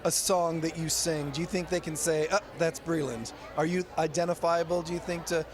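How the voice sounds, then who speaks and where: A man hosting live red carpet interviews with upbeat, flattering presenter chatter. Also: a little high, brisk. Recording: music playing behind.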